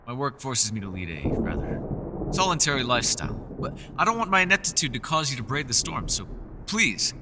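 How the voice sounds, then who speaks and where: A man gives voice to a gentle, chatty, socially awkward elf centuries old, speaking in formal, apologetic, old-fashioned language for a fantasy ASMR roleplay. The delivery is medium-pitched, very animated and fairly quick, against a noisy background.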